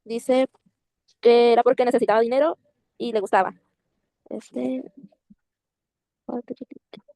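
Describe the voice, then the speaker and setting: A woman's voice: fairly high pitch, fairly even intonation, unhurried, creaky, mellow, dry recording. A woman student translating answers aloud in class, hesitant and unsure of some words.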